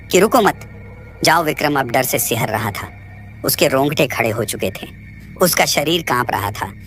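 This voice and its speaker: A man narrating a scripted horror story in a steady, suspenseful way. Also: medium pitch.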